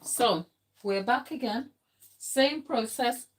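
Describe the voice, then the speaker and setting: A middle-aged Ghanaian-accented woman, a non-native English speaker, runs a casual live cake decorating tutorial from her home kitchen, explaining steps and chatting with viewers. Her voice is a little high and slow, and the poor audio carries some hiss or hum.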